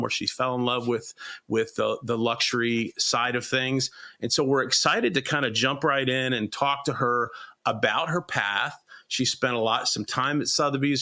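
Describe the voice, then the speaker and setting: Male podcast host with a forceful edge, enthusiastic, loose, full of restarts. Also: medium pitch. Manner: eager, rambling with frequent restarts. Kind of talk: interview podcast.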